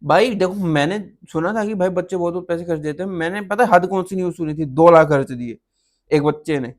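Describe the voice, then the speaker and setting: A man's voice: high voice, brisk. A young man with a slightly raised voice chats his way through a reaction video. He talks to viewers like friends, calls them "bhai", and trips over his own restarts. The delivery is loose and conversational. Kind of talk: casual reaction commentary.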